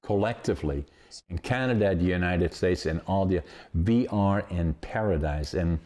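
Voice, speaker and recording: Low and darkish, at a normal speed, the voice belongs to a man in his eighties hosting a podcast. He grew up in northeastern Groningen, speaks Groningen Dutch dialect natively, and has a Dutch accent. His interview is conversational, and his stories ramble along in an emphatic, positive manner.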